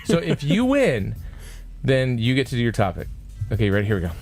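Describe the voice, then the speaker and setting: Playful male talk-show host, lively pitch. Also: brisk, over music. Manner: playful, joking banter. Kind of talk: casual chat.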